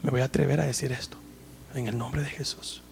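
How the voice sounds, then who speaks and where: A male pastor delivering an impassioned sermon, dropping to hushed tones and rising to loud pleading. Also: mid-range voice, steady tone, brisk, creaky. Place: church service.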